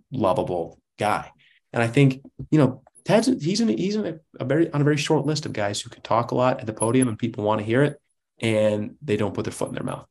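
A man hosting a casual podcast chat, talking in an animated, joking way with quick asides. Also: on the low side. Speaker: podcast host.

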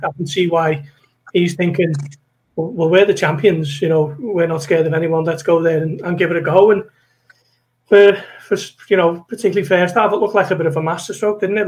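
British lad, pretty high voice, chatting through football tactics as a guest pundit. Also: male voice, low-quality recording. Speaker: football correspondent, podcast guest. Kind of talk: casual football analysis.

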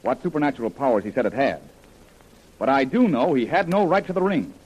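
An American actor playing a resolute, wary jungle adventurer in a 1930s radio serial, speaking deliberately and emphatically. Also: male voice, medium pitch, animated, a little mellow, a little hiss or hum, close to an everyday voice. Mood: resolved. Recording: muffled, dull vintage radio recording.

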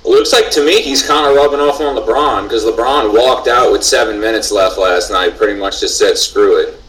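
A man's voice: fairly low pitch, normal speed, fairly bright tone. A man on a podcast panel, chatting casually about sports. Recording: distant from the mic.

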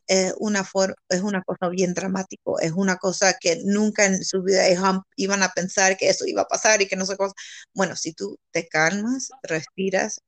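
A woman guest from California talks in a casual bilingual interview, earnest and upbeat, switching between English and Spanish mid-sentence. Her pitch is mid-range for a woman, she laughs often, and there's no echo.

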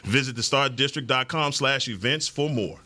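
A man's voice: medium pitch, normal speed, sharp tone. A man doing casual banter and sponsor reads as a sports show panelist.

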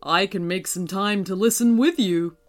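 A woman voicing a gentle, ancient male moon who speaks slowly and kindly, with an air of wonder. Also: mid-range voice, soft background music, natural voice.

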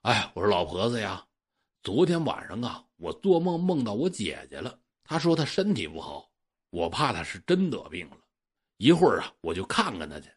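A man voicing a worried, kind-hearted old farmer who stammers and exclaims in a husky voice. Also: lowish voice, very animated, moderate pace, pitched below the performer's own voice. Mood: fretful. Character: old male farmer, anxious and good-hearted.

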